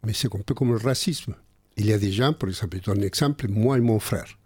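A man's voice: lowish voice, fast, darkish tone, breathy edge, no room sound. An older man with a heavy non-native French accent, talking earnestly in a casual conversation and often repeating words while he looks for the phrasing.

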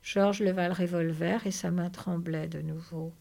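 A woman reading a novel aloud, narrating in a steady storytelling way. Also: lowish voice, moderate pace, gravelly. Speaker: reader.

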